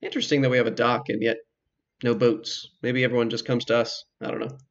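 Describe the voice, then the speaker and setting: This male let's play host rattles off casual commentary fast, with a mid-range voice and flat delivery. Game music sits behind him in a slightly muffled recording.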